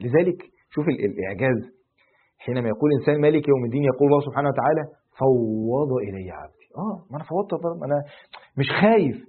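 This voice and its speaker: A man's voice: medium pitch, breathy edge. A man with an Egyptian Arabic accent giving an impassioned religious lecture on the Quran, full of rhetorical questions and rising emphasis. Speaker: Quran commentator. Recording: narrow phone-like sound.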